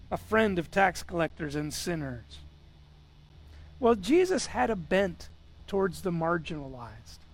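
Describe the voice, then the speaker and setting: A man's voice: sits high, vocal fry. A man preaching a sermon as pastor, telling the story with animation and acting out the people he quotes. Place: church.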